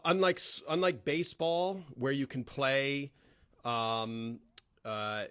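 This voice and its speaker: A man's voice: mid-range voice, fairly bright tone. A man hosting a casual live-stream chat for fans, greeting viewers by name with lots of fillers, into a plugged-in microphone. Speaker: host of a live fan stream.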